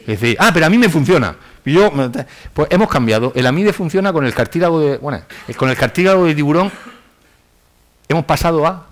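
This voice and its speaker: Guy lecturing a crowd, lively and sarcastic, kinda high voice. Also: fairly quick. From Spain. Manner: animated, ironic, quotes comments in mock voices. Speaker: university lecturer. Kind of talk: public science lecture. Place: lecture hall with audience.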